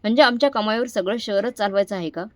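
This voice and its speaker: A woman's voice: mid-range voice, quick pace, dry recording, natural voice. A woman voicing a cold, irritated rich young man who speaks curtly in a story. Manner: curt, annoyed.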